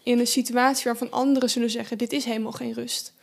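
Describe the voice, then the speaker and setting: Woman, fairly high voice, narrow melody, chatty host, loses her thread. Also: little pitch movement, quick pace, gravelly. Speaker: host, video marketer. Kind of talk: casual faith conversation.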